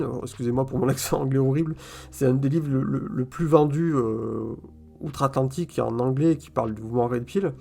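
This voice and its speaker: A man talks to his viewers in a casual opinion monologue, his voice gravelly and mid-pitched. He speaks in loose slang, restarting words and dropping frequent fillers as he goes, and keeps checking in with his listeners. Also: a little mellow. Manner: colloquial, repeats words and fills with "euh" often; addresses viewers directly, "si vous voulez", "ok?". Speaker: vlogger.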